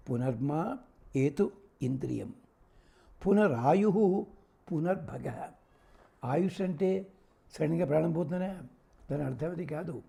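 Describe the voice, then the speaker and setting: An older man, teaching and slowly chanting Vedic verses, then explaining them in plain conversational talk. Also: fairly high pitch, gravelly, mellow, breathy edge.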